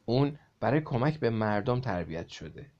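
A man voicing a calm male teacher who reassures a frightened class, reading a storybook aloud. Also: medium pitch, dull audio, lightly acted.

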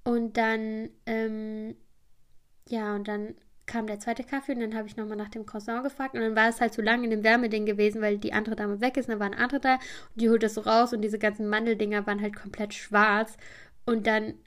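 A woman's voice: fairly high pitch, level tone, a little fast, a bit bright. A woman hosting a podcast, telling a story in a rambling, chatty way with many fillers. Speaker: podcast host.

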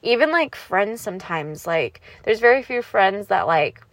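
A woman's voice: medium pitch, lively intonation, a little slow, fairly bright tone, dry recording. A young woman hosting her own podcast, talking candidly and bluntly, with heavy swearing and lots of fillers, sounding raw and vulnerable. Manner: raw, vulnerable, holding back tears. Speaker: podcast host. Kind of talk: candid solo podcast monologue.

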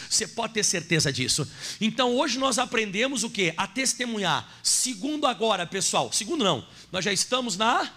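A man's voice: sits high, sharp tone. A man preaching a sermon as pastor, telling a story and speaking directly to his congregation.

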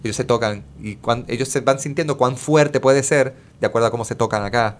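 A man talks casually as a guest on a show. He explains things with lots of examples and a lively, slangy delivery, and his voice sits at an ordinary middle pitch. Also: a little fast, slight background noise. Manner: animated, explains with examples, Caribbean Spanish slang. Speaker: guest, music therapist. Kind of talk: casual conversation.

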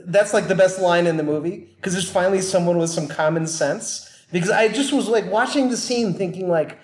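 A man's voice: high voice, fairly quick. A man co-hosting a podcast, chatting casually and wryly about movie plot holes. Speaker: podcast co-host. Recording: roomy echo.

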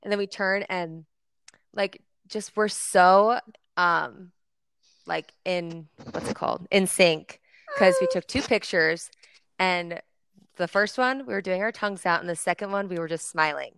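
Chatty young woman, smooth dry voice. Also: fairly low pitch, a little slow, fairly bright tone, no room sound. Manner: chatty, filler-heavy storytelling. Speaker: podcast co-host. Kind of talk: casual chat.

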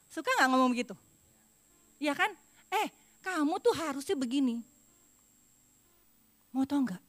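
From a church pulpit, a middle-aged woman with a high voice preaches a confessional sermon, swinging between loud emphasis and hushed apology.

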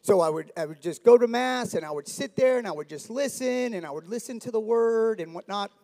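This man's high voice has lively intonation and a fairly quick pace as he, a South Florida church member in his forties, gives an earnest, warm testimony touched with light humor. The recording carries the long reverb of a church hall.

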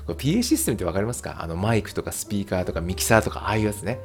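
A man's voice: very fast, soft background music. A man hosting a casual solo podcast, chatting with many fillers and laughs. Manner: chatty, frequent fillers and laughs, lively pitch. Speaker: podcast host and English teacher.

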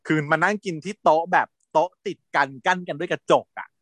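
A man's voice: on the high side, fairly even intonation, quick pace, fairly bright tone, no room sound. A man in casual chat who animatedly retells a TV series, laughing often and acting out quotes.

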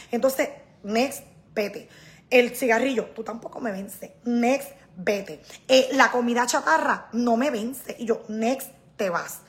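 Woman, middle-aged, casual live vlog, emphatic, repeats herself, slightly high voice. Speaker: vlogger. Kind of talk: casual live-stream talk to viewers.

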